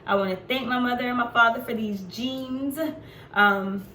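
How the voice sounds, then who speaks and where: A woman's voice: a little high, normal speed, pushed and bright. A woman in her forties talking to camera in a casual vlog, chatty and unfiltered, with frequent ums. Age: 40s. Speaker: vlogger. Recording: echoey room with faint background noise.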